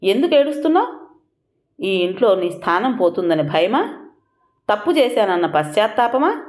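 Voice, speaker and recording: A woman voicing a proud, stern wife who fires off sharp, taunting questions in an audiobook reading. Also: mid-range voice, sing-song, normal speed, pitched above the performer's own voice, lightly acted.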